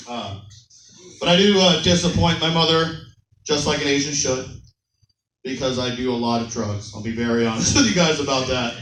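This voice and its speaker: A young adult man doing stand-up comedy in a club, brash and profane, telling playful stories. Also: a little high. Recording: roomy club sound, mic a bit distant.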